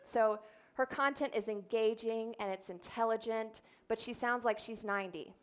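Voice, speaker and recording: A woman's voice: a little high, moderate pace. A woman, a speech therapist, giving an explanatory talk on stage and demonstrating voice sounds. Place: event stage before an audience.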